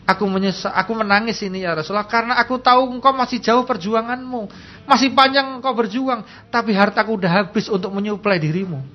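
A man with a Javanese accent voicing a gentle, devoted dying wife within a religious story told on radio. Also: high voice, fast talker, muffled recording, pitched above the performer's own voice, lightly acted. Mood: tender. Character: devoted, gentle dying woman, wife speaking to her husband.

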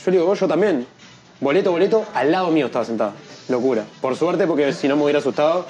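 Fast-talking young Uruguayan man. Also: soft background music. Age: young adult. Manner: animated, acts out quoted voices in a higher pitch. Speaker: guest, freestyle rapper. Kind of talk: casual storytelling interview.

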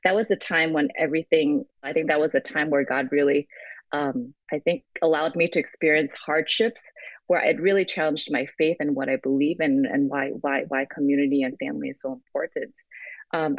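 A woman's voice: low-pitched, dry recording. Guest, young American woman, reflective, hesitant, over a dull, dry call line. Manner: reflective, frequent ums and restarts. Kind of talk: remote interview. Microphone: phone app call.

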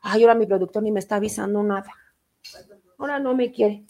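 A woman's voice: mid-range voice, fast, mellow. A middle-aged woman with a Mexican accent, hosting a live online show in a casual, playful way, full of fillers and reading out viewer comments. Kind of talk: casual live-stream chat.

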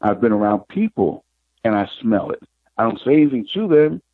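A middle-aged man, a psychic guest, telling his life story in an interview in an unhurried, reflective way. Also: lowish voice, big pitch swings, no echo. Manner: unhurried, reflective, retells scenes with quoted dialogue. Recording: tinny phone line.

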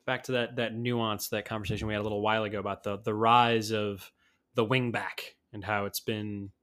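A man's voice: on the low side, level tone, a little fast, fairly bright tone. A man co-hosting a casual sports podcast, thinking aloud in a rambling way with many fillers. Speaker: podcast co-host.

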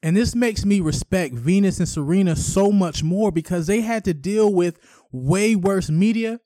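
High-voiced man ranting profanely. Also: moderate pace, warm tone, no room sound, clean studio sound. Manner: profane, rambling, stumbles over words. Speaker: podcast host. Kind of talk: solo podcast rant.

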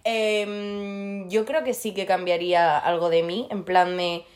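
A woman's voice: mid-range voice, flat delivery. A woman, chatting casually on a podcast and throwing in teasing jokes. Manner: teasing, quick joking asides. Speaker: podcast co-host. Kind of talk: casual chat among coworkers.

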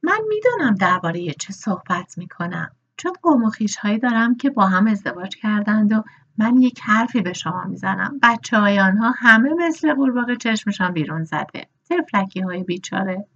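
A woman's voice: medium pitch, lively intonation, a bit bright, breathy edge, lo-fi sound. A woman voicing a frank, opinionated older lady horse breeder who lectures those around her.

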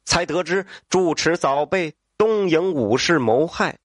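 A man telling a folk tale as a storyteller, with lively asides to the listener and voiced dialogue. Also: fairly high pitch, measured pace, no echo, clean studio sound.

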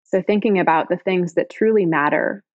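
A woman leading a guided body-scan meditation in slow, soft, soothing phrases. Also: fairly low pitch, dry recording, muffled recording.

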